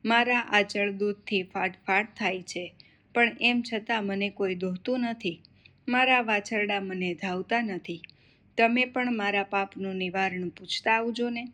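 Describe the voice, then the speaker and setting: A plaintive, grieving cow voiced by a woman narrator, soft pleading tone in a devotional folk tale, mid-pitched. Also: steady tone, unhurried. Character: unhappy cow, unmilked.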